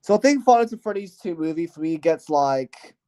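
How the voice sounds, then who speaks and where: A man with a fairly high, mellow voice talks casually into the mic on his own. His talk wanders and hedges, with "you know" and "I guess" scattered through it and thoughts that trail off before he picks them back up. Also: animated, fairly quick. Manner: rambling and hesitant, full of "you know" and "I guess". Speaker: channel host. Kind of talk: casual solo year-in-review talk.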